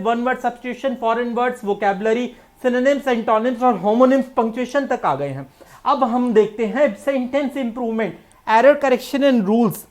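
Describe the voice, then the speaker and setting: A woman's voice: a little high, a little mellow. A woman with an Indian accent giving an exam-prep English grammar lecture, explaining step by step and mixing English terms into Hindi. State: coughing, needs water. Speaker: English teacher.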